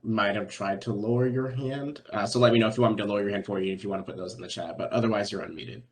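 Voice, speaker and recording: A man's voice: on the low side, steady tone, very fast. A man facilitating a virtual public meeting, politely calling on speakers and hedging his replies.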